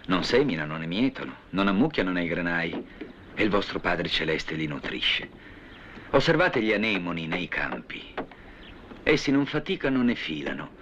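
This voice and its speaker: A serene teacher preaching to his followers in a 1970s film drama. His voice is very deep and his delivery is solemn and measured. The old soundtrack sounds dull and carries clear hiss. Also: very animated, a bit bright.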